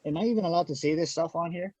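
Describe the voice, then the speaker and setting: A man's voice: a little high, rapid-fire, a little mellow. A plain-spoken man giving a candid personal testimony as a podcast guest in casual conversation. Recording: dull, echoey room sound.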